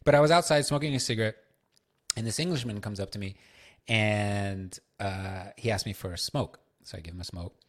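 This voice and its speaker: A man's voice: fairly low pitch, a little fast. A man hosting a solo podcast, telling loose, profane stories with lots of fillers. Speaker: podcast host.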